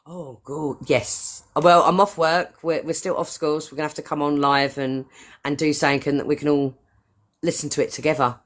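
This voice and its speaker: A woman's voice: sits low, steady tone, brisk. A woman in her forties chatting casually as a fan guest, rambling cheerfully and laughing at her own mistakes. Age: 40s. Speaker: fan guest on a live stream. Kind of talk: casual chat.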